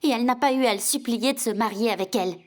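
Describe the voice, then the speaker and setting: An actress dubbing a hot-tempered, scheming young woman in a telenovela, sharp and accusing. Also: fairly high pitch, fast talker, close to an everyday voice. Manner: sharp, accusing, bursts into shouting. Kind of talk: dubbed telenovela acting.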